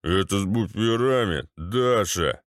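Brief: swaggering drunk ex-paratrooper, voiced by a man, bassy and crude, slow and smooth. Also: no room sound, clean studio sound, natural voice. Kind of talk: audiobook character voice.

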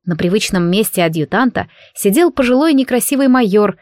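A woman reading a humorous fantasy audiobook in a lively, ironic storytelling manner. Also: medium pitch, a little fast, dry recording, clean studio sound. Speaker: audiobook narrator. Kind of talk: expressive audiobook narration.

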